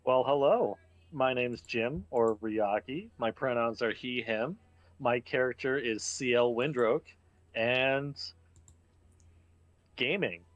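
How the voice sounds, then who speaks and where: A man introducing himself on a tabletop game stream in a deadpan, low-key way. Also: takes it slowly, dry recording, dull audio. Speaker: player. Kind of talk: casual chat during a game stream.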